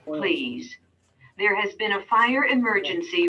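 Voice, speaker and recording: A woman giving a prerecorded fire alarm announcement over a building loudspeaker, sounding like a megaphone, in a slow, measured, formal manner. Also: medium pitch, sing-song, highs cut off. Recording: distant loudspeaker with faint room noise.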